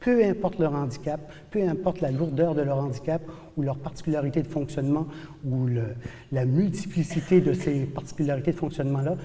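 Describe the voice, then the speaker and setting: A brisk professor from New Brunswick, Canada, lectures with animated emphasis, repeating key words to hammer them home. His fairly high voice is mellow and soft-edged, and a long reverb from a large hall surrounds it.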